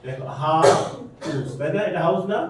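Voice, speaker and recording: A male teacher with a voice on the high side quizzes his students with repeated questions during a grammar lesson, speaking at a moderate pace. He's recorded from afar in a very echoey room, with a little hiss or hum.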